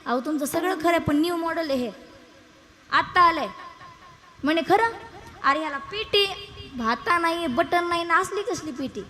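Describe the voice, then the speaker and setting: A young woman from Maharashtra with a rural Marathwada accent, telling a comic devotional story as a kirtan preacher and acting out village characters in quick dialogue. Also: very high-pitched, pushed and bright. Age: young adult. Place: live kirtan gathering. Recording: long hall reverb from a live stage.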